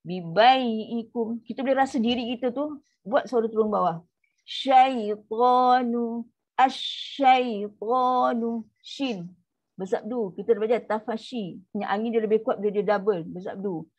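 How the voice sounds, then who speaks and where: A woman with a Malaysian Malay accent teaching an online tajwid class, stretching out the demonstration syllables between quick explanations. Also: mid-range voice, darkish tone, breathy edge. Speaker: Quran recitation teacher. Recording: muffled lo-fi audio.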